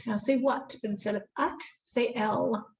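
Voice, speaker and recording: A woman leads a one-on-one phonics lesson with short, patient prompts. Her voice sits a little high. The recording is roomy and dull. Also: moderate pace. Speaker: reading tutor.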